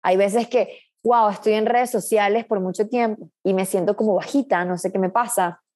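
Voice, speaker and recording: A woman's voice: mid-range voice, fairly even intonation, normal speed, darkish tone. A woman coach, a guest in a casual interview, talking in an earnest, reflective way with frequent restarts.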